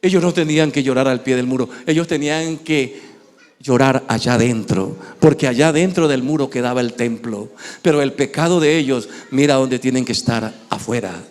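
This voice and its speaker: A man with an Ecuadorian Spanish accent preaching a sermon in a church, swinging from shouting to hushed tones. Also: mid-range voice, normal speed. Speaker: pastor.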